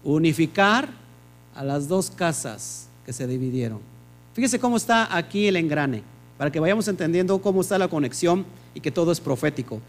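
A man's voice: a little high, animated, moderate pace. A man teaches a Bible study group, firing questions at his listeners and answering them himself.

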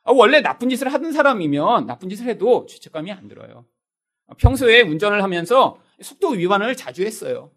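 A male pastor delivers a sermon in a high voice. His pitch swings widely as he puts rhetorical questions to the congregation. He slips into quoted voices to act out everyday excuses. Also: very animated, brisk, a bit bright.

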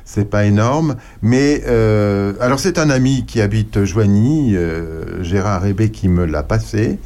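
A man co-hosting a local radio show, talking about a book with enthusiasm and reading passages aloud, with a halting, filler-filled delivery. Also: on the low side, dark tone. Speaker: radio co-host.

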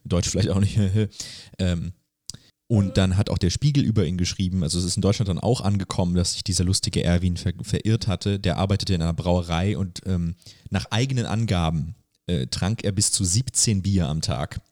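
Telling a story at an ordinary pace, this male podcast co-host has a low, dark-toned voice and a laid-back delivery. He hesitates often, uses slang, and mixes in English words. The audio is dry and close, with almost no sense of the room.

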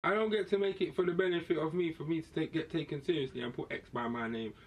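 Quick-talking and a little high-voiced, a man of West Indian heritage hosts a podcast where he argues in a blunt, slangy, outspoken way during a casual but heated discussion. The recording cuts off the highs.

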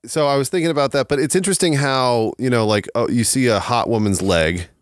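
A man's voice: medium pitch, brisk, dry recording, clean studio sound. A man co-hosting a podcast, rambling casually with swearing and laughter. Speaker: podcast co-host. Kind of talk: casual chat.

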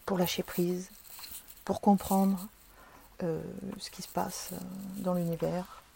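A woman voicing a calm, peaceful female spirit who speaks gently and soothingly. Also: on the low side, slow, gravelly, slight background noise.

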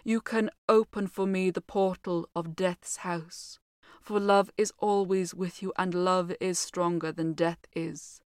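Woman voicing a sorrowful ghost, centuries old, low dreamy delivery, dry close read. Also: steady tone, a little slow, smooth, no room sound, lightly acted. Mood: sad, dreamy. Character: weary centuries-old male ghost, sad and lonely.

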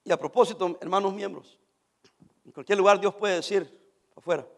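A male pastor preaching an animated sermon, swinging from shouts down to near-whispers and acting out his church members' complaints. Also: high voice, normal speed, vocal fry.

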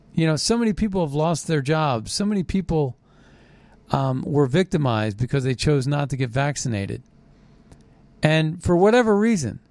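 A man's voice: a little high, a little mellow, dry recording. An American man delivering an unscripted political rant in a suspicious, conspiratorial manner, repeating phrases for stress as a show host.

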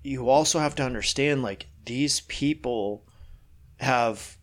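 A middle-aged man talking shop as a fitness coach, loose and rambling, full of "you know" and "like". He is frank and swears now and then, in an easygoing podcast chat at an ordinary pitch. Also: takes it slowly.

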